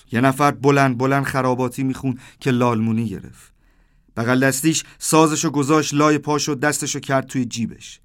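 A man in his thirties narrating a surreal first-person story, with livelier delivery when he quotes the exchanges. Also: medium pitch. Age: 30s.

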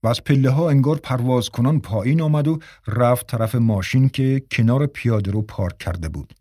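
Audiobook narrator: man, mid-pitched, steady measured reading, very dry close recording. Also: no echo. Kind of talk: scripted storybook narration.

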